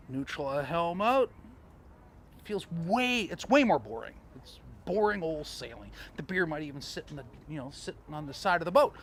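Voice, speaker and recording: A man coaching sailors on sail trim, talking in an animated, storytelling way with chuckling asides. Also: fairly high pitch, a little hiss or hum. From Canada. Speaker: sailing coach. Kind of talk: outdoor teaching talk.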